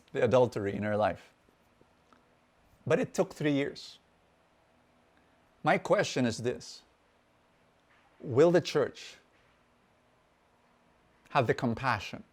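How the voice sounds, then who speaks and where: A middle-aged man preaching and telling a story to a congregation, animated, repeating words as he goes and acting out the voices of the people in it. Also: medium pitch, takes it slowly, long pauses. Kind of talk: storytelling sermon talk.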